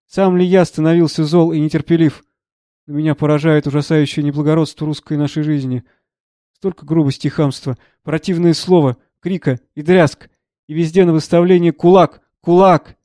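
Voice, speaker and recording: A man reading the part of a troubled, gentle elderly professor who speaks earnestly and with agitation. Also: a little high, fairly even intonation, moderate pace, no room sound, studio quality, lightly acted.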